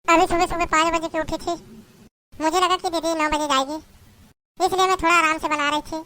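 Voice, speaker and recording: Pleading and defending herself against her mother-in-law, a meek, put-upon young daughter-in-law is voiced by a woman in a family drama. Her delivery is very high-pitched, steady and brisk, with a pushed, bright quality.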